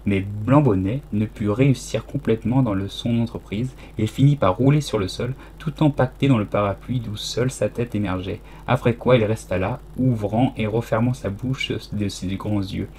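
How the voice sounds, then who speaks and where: Male reader for a storybook, low-voiced and dark-toned, voicing characters lightly. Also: moderate pace, hardly any pauses, a little hiss or hum. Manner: reads dialogue with raised, louder quotes. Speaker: audiobook reader. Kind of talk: storybook narration.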